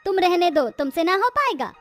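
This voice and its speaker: Lady doing a blunt scolding mother-in-law, high voice, soft music. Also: very animated, moderate pace, full character voice. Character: bossy, sharp-tongued village mother-in-law.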